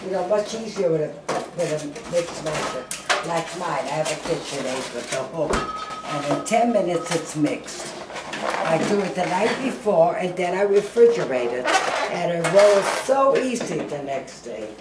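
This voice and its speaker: A woman's voice: on the low side, lively intonation, moderate pace, heavy background noise. An older woman, a grandmother, chatting casually as she bakes cookies in a home kitchen. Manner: chatty, homey, talks while working. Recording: echoey kitchen, far from the mic, loud clatter.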